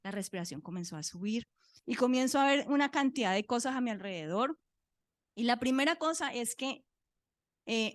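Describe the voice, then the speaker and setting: A woman's voice: a little high, no echo, studio quality. A middle-aged woman pastor with a Colombian accent, telling a personal testimony in a sermon and acting out the voices of the people in her story.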